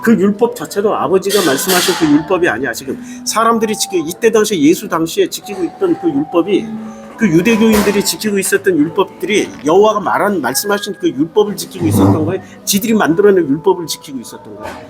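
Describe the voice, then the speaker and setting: Pastor, man, middle-aged, emphatic and emotional delivery, high voice, music bed underneath. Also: lively intonation, quick pace. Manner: emphatic, rhetorical questions, emotional. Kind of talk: sermon. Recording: music playing behind.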